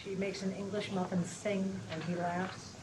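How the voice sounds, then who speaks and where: The stage directions are read by a woman with a medium-pitched voice that barely moves, delivered at an ordinary pace. It's a plain, matter-of-fact table read captured in a very noisy live room.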